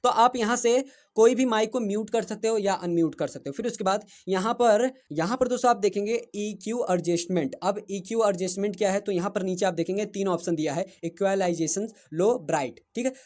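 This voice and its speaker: A man's voice: high-pitched, fairly quick, darkish tone. A man giving a casual step-by-step tech tutorial, checking in often with his viewers as he explains settings. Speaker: tech reviewer. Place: indoors, in front of a running fan. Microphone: wireless lapel mic.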